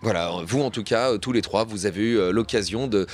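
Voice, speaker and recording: A man's voice: lowish voice, brisk. Chatty man hosting live radio outdoors. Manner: chatty, rambling, playful with many fillers. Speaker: radio host. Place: outdoors at a neighbourhood fête. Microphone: radio studio mic set up outdoors.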